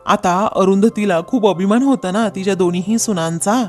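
A woman's voice: mid-range voice, moderate pace, faint music behind. A woman narrating a recap of a TV serial episode, reading all the characters' lines in her own voice.

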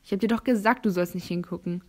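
A woman reading an audiobook, voicing a cocky, wounded teenage boy who speaks gruffly and curtly in a voice lower than her narration. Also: fairly even intonation, moderate pace, slight background noise, lightly acted.

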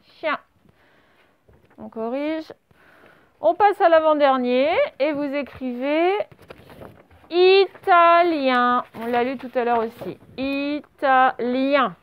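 This is a classroom dictation lesson: a woman with a high-sitting voice takes primary pupils through words syllable by syllable and spells them letter by letter. Her pace is a little slow, with frequent pauses, and the lo-fi recording sounds slightly dull.

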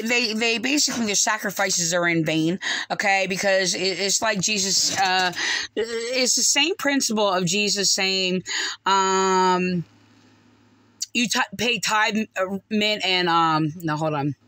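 A middle-aged woman speaks close to her phone in a dim indoor room, and her voice comes across bright and crisp. The sound is dry and close. She comments on scripture in a halting, rambling way, full of fillers and restarts. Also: mid-range voice, dry recording, rough recording. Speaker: video commentator. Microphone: phone held close to face.

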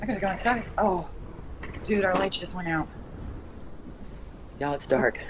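A man's voice: high voice, lively intonation, moderate pace, background noise. Male streamer with rain behind. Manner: chatty, addresses viewers as y'all. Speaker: live streamer. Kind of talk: casual live-stream talk.

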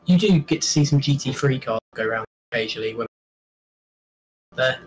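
A young man chats loosely on a voice call, trailing off and hesitating as he talks. His mic keeps cutting in and out, so his volume is uneven. His voice sits at a middle pitch, with faint noise behind it. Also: brisk, rough recording. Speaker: university motorsport team member. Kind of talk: casual chat on a livestream call. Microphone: headset or desk mic on a voice call, partly blocked.

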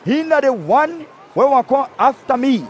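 High-pitched fervent desert prophet. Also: male voice, very animated, normal speed, a faint crowd, a little hiss or hum. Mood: fervent proclaiming. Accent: Belizean Kriol. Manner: earnest, declamatory. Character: fervent male desert prophet, long-haired preacher. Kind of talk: dubbed film dialogue. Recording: music behind the voice.

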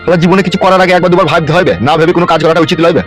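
A man voicing a gruff, blunt village father who scolds his son in a comedy cartoon. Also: high-pitched, level tone, racing, faint music behind, natural voice. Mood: scolding.

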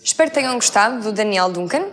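A woman's voice: mid-range voice, lively intonation, quick pace, noisy background. A woman hosting a comedy show, introducing comedians with joking, teasing banter. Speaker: show host.

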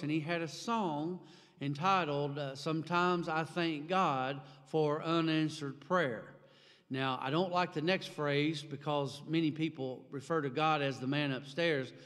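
A pastor in his forties preaches from a pulpit microphone. His fairly high voice climbs sharply when he stresses a point, and the delivery stays emphatic throughout. Long reverb from the church sanctuary hangs behind every phrase. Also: fairly bright tone. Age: 40s. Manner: emphatic, gesturing widely, rising for emphasis. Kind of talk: sermon. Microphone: stand mic at a pulpit.

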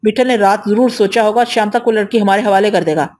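A woman reading the lines of a menacing gang boss man in an audio novel, gruff and condescending. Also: mid-range voice, darkish tone, close to an everyday voice. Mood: domineering.

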